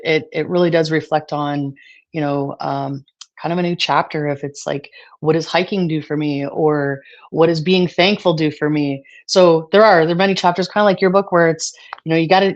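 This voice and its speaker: A woman being interviewed, talking casually in a halting way with many fillers, at times choked up with emotion. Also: sits low, darkish tone, dull audio. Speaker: guest.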